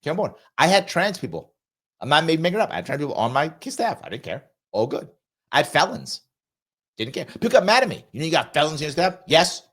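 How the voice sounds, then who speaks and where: This political talk show host answers viewer comments he reads aloud with blunt emphasis, repeating himself to drive points home, and he has a cough he's recovering from. His voice is on the high side, very animated, fast and a bit bright.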